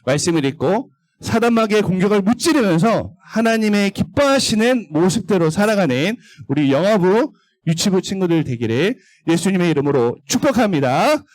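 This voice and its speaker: A man's voice: sits high, sing-song, normal speed, few pauses, no echo. A man giving a children's sermon at a church service, asking the young listeners questions and leading them to read along. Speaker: children's pastor.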